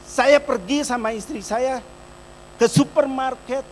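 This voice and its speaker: A middle-aged pastor preaches in church, sharing a personal testimony and addressing the congregation directly, swinging between loud, emphatic peaks and soft, quiet storytelling. His voice is very high and unhurried. The audio is poor, with slight background noise.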